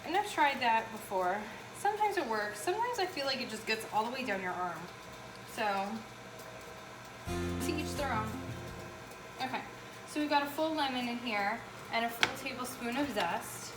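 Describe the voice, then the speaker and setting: A woman's voice: fairly high pitch, expressive, moderate pace, loud music behind the voice. A woman giving a casual, chatty home baking demonstration, talking informally and with emphasis as she hosts. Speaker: home baking show host. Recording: roomy echo, distant mic, noisy background.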